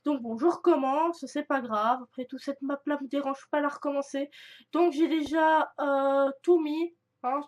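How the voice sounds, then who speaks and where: Chatty high-voiced young woman gamer. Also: darkish tone, a little hiss or hum. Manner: chatty, rambling with many fillers and restarts. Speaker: gaming youtuber. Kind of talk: casual let's-play commentary.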